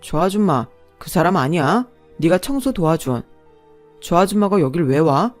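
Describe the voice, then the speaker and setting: A woman's voice: lowish voice, expressive, moderate pace, darkish tone, soft background music, close to an everyday voice. A woman voicing a petty young man who whines and snaps. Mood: irritated.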